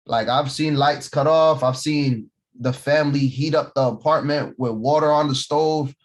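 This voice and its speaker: A man's voice: medium pitch, normal speed. A man, a company vice president, giving a casual motivational talk to his team about where he grew up, with many fillers and repeated words. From born in Puerto Rico, raised in East Harlem, New York City. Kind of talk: motivational talk on a video call.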